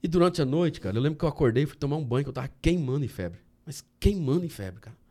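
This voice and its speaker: A man from Brazil, a guest on a podcast, telling a personal story in a casual, animated way and often saying "cara". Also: on the high side, racing. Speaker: podcast guest, candy entrepreneur.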